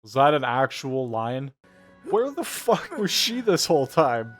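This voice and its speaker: A man's voice: medium pitch, very animated, unhurried, fairly bright tone, soft background music. A man giving a casual, mocking reaction commentary, profane and incredulous in his delivery. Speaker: reaction show host.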